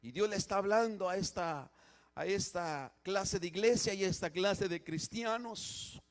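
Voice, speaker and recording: A man preaching a sermon as pastor in a church, swinging from hushed, quiet passages to loud emphatic ones and often repeating and restarting his phrases. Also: sits high, measured pace.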